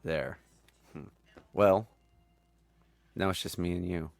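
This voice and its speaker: A man's voice: low voice, slow, creaky, no echo. A man in his forties co-hosting a podcast, telling funny stories in casual chat and laughing often. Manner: animated storyteller, laughs often. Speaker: podcast co-host.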